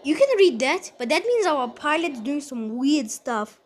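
High-voiced woman doing exasperated game commentary. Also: very animated, a little slow. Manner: rambling, exasperated, talks to viewers. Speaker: gaming channel host. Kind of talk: casual gameplay commentary.

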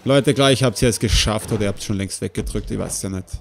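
A man, hosting a let's-play with jokey commentary and loud outbursts during a race. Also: on the low side, fast talker, vocal fry, music in the background. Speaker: gaming channel host.

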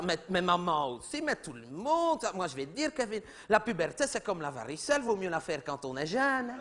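A man puts on a high-pitched, slightly bright voice to play a chatty, oblivious middle-aged mother in a comedy sketch. She rambles and gossips, keeps saying "oui, oui" and talks over everyone.

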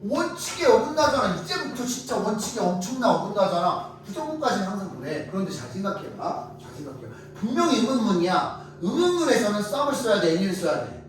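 A man teaching English grammar to a class, drilling students with quick questions and lively explanations. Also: high-pitched. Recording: echoey classroom from far off, faint noise.

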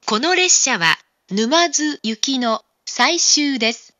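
A woman making formal, scripted train station announcements in a measured, carefully enunciated way. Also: sits high, expressive, sharp tone, no echo, lo-fi sound.

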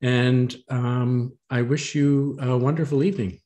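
A man's voice: mid-range voice, flat delivery, measured pace, warm tone. A man hosting a talk series on a video call, giving friendly, slightly rambling closing remarks. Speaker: host, moderator. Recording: echoey room.

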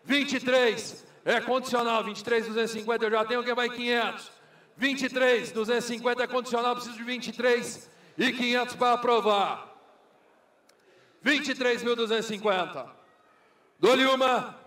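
Echoey distant recording, Brazilian man, high voice, auctioneer, repetitive bid-calling chant. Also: fairly even intonation, moderate pace, pushed and bright. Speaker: car auctioneer. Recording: echoey hall, far from microphone.

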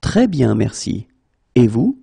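A man's voice: medium pitch, sing-song, takes it slowly, creaky, dark tone, breathy edge, no echo, clean studio sound. A man teaching French phrases, saying each one, then breaking it into single words, then saying it again. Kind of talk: slow phrase drills for learners.

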